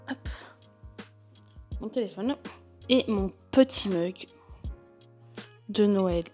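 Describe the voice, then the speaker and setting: A woman's voice: medium pitch, a little mellow. Chatty Belgian woman vlogging at home. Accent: Belgian French. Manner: chatty, frequent fillers and restarts, laughs. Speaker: vlogger and bodybuilding coach. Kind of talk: casual chat answering viewer questions. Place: apartment.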